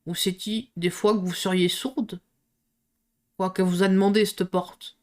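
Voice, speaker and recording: A woman voicing a very old, slow male frog doorkeeper with a hoarse, low, drawling voice and folksy slang. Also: fairly even intonation, a little mellow, natural voice. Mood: grumbling. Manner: slow and muttering, with folksy slang and wheezing "ouah" breaths.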